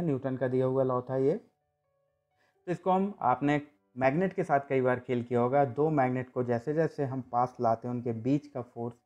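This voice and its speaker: An Indian-accented man teaches a physics lesson, going over each idea step by step and restating the key points. His voice sits in a middle pitch. The recording is a little dull and lo-fi, with faint music under it. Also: warm tone. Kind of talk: explanatory classroom lesson.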